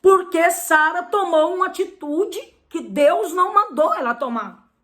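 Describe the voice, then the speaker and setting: A Brazilian woman preacher delivers a sermon in a high, bright voice. Her delivery is emphatic, driven by rhetorical questions that she answers straight away. Her Brazilian Portuguese accent is clear throughout. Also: lively intonation, a little slow.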